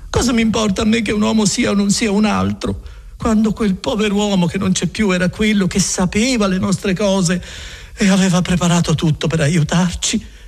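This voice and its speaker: A man voicing an anxious older peasant woman, pleading and close to tears, with a husky voice. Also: high-pitched, steady tone, moderate pace, pitched above the performer's own voice. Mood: tearful.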